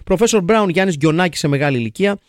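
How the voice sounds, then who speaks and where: A man hosting a casual podcast chat, reading listener comments in a quick, jokey way. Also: high voice, expressive, dry recording, clean studio sound. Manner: jokey, quick, mixes English phrases. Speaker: podcast host.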